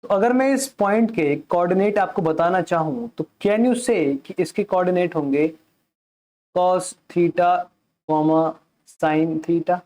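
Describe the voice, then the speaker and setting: A man's voice: high-pitched, takes it slowly, darkish tone. A male math teacher giving a classroom lecture who mixes English terms into his Hindi and keeps asking questions and then answering them himself.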